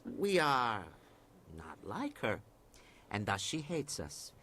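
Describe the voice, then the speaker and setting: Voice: mid-range voice, huge pitch swings, slow, a bit bright, slightly rough, heavily acted. An actor voicing a wary keeper of a haunted inn in a video game, speaking formally and with suspicion. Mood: guarded.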